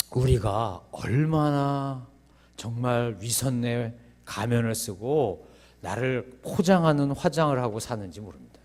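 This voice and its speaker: A pastor delivers a sermon built on rhetorical questions, punctuated by sudden loud, high outbursts.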